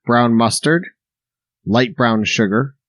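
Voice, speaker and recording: A man's voice: mid-range voice, takes it slowly, a bit bright, no echo. An easygoing man co-hosting a casual sauce-tasting podcast, agreeable and reading out the ingredient list. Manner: easygoing, agreeable, reads lists aloud. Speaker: podcast co-host.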